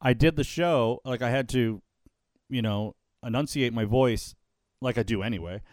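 A wrestling ring announcer tells stories during a casual podcast chat, his voice loud and animated, often repeating words when excited. He speaks in a mid-range voice at a moderate pace, in clean studio sound with no echo.

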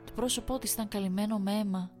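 A woman reading a first-person horror story aloud in a measured, suspenseful storytelling manner. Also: mid-range voice, a little mellow, soft background music. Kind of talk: scripted horror story narration.

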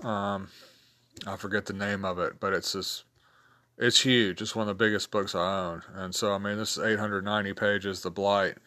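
A man hosting a casual solo podcast, sounding weary and worn down, talking in an informal, halting, rambling way. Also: fairly low pitch, steady tone, sharp tone. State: weary, worn down from a sore back. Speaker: podcast host.

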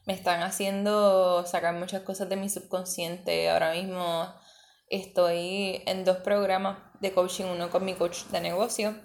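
A woman's voice: on the low side, little pitch movement, unhurried. A woman hosting a casual solo podcast, chatting and slipping English words into her talk. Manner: chatty, mixes in English words, many fillers. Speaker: podcast host and coach.

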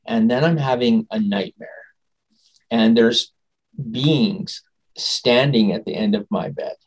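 Guy telling his story as a guest, mid-pitched voice, rambly and animated, keeps restarting. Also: takes it slowly, breathy edge, rough recording. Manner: animated, acts out quoted dialogue; rambling with restarts and trailing phrases. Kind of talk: casual storytelling in an interview.

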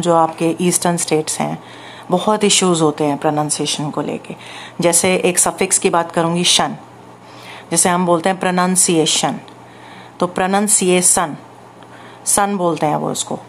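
A woman with an Indian accent, an English language trainer answering interview questions in a measured, explanatory way. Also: on the low side, slight background noise.

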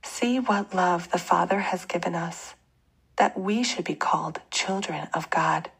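Soft breathy woman, very slow bedtime prayer. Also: lowish voice, poor audio. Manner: slow, gentle, measured. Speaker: guided bedtime prayer leader. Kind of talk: guided bedtime prayer and scripture meditation.

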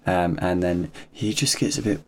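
A man's voice: sits low, normal speed, slight background noise. A man, co-hosting a casual chat about magic videos, laughing often and acting out the people in the clips. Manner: giggly, acts out people in the clips. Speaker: podcast co-host, magician.

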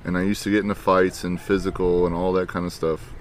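Deep-voiced man musing earnestly outdoors. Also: level tone, quick pace. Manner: earnest, reflective, frequent filler words. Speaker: podcast guest. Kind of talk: casual outdoor chat. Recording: outdoor recording with faint background noise.

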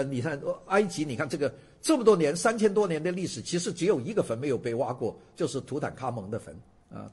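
A man's voice: medium pitch, a little mellow, breathy edge. An older man lecturing to students in a casual storytelling way, often putting questions to the audience.

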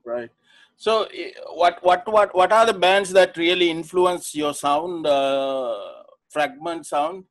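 Podcast host guy, voice a bit on the high side, keeps restarting his questions. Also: takes it slowly. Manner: restarts questions, frequent listening sounds. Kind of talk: casual interview chat.

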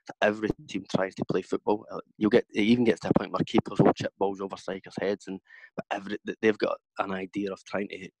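A man's voice: low-pitched, flat delivery, quick pace, darkish tone, dry recording, rough recording. A man in his thirties with a broad Scottish accent, chatting casually as a former footballer being interviewed about his career. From Scotland.

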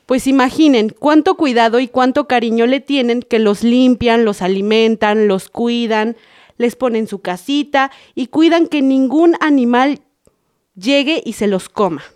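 Playing a Mexican mother in a family skit, a woman speaks in a high, bright voice close to her everyday one, at a measured pace. She turns stern when the kids misbehave, then becomes patient and gentle as she explains things to them.

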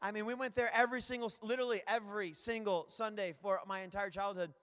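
High-pitched, bright energetic preacher man. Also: quick pace. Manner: energetic, rambling, calls out to the crowd. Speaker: guest preacher. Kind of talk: lively church sermon. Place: church hall. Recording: long hall reverb.

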